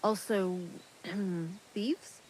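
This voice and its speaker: A woman's voice: mid-range voice, drawn-out words, a little mellow, husky. An actress voicing a sly, chatty medieval woman thief who hides out in a lair, talking bluntly and earthily in game dialogue.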